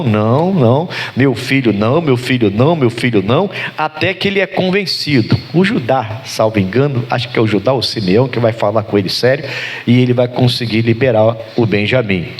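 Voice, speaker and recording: A male pastor preaches an animated sermon, his pitch rising for emphasis as he calls on the congregation for amens.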